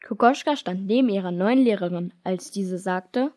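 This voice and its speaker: A woman from Germany reading aloud a children's story she wrote herself, in a lively storytelling manner. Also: mid-range voice, moderate pace. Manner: lively storytelling, switches into character voices. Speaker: author reading her own story.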